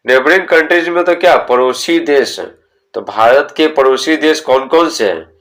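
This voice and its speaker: A man's voice: mid-range voice, a bit bright. Man explaining a school textbook. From India. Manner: slow, deliberate reading of English sentences, then explaining them; asks the students questions and answers them himself. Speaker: teacher.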